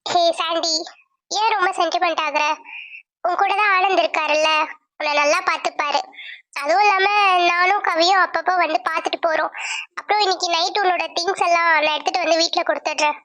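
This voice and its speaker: High soothing young cousin. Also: female voice, steady tone, fairly quick, sharp tone. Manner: soothing, comforting. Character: reassuring young female cousin.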